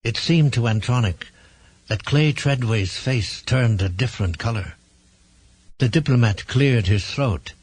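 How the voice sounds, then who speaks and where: A man narrating an audiobook in a measured storytelling manner. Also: medium pitch, darkish tone, no room sound. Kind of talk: scripted narration.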